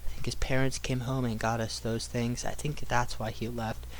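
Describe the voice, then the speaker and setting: A man's voice: medium pitch, level tone, moderate pace, slight background noise. A young man telling a casual personal story in a rambling, slangy way with some swearing.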